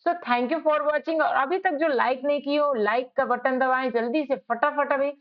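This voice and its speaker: A woman's voice: high voice, fairly even intonation, a little slow. A woman teaching basic spelling, sounding words out letter by letter and checking in often with "ok". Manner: checks in with "ok" and "theek hai". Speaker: English teacher. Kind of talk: slow spelling lesson. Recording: dull lo-fi sound.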